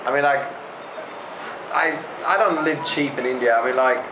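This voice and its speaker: A man's voice: medium pitch, normal speed, reverberant, heavy background noise. A man from Sweden, rambling casually through an interview with many fillers and laughs. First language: Swedish. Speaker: traveler being interviewed.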